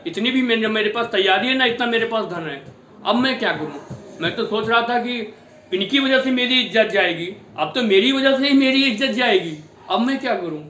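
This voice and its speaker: A man's voice: extremely high pitch, animated, moderate pace, bright, forceful tone, reverberant, slight background noise, heavily acted. A man voicing a panicked father of the bride who pleads for help in a devotional story. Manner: frantic, pleading, tearful.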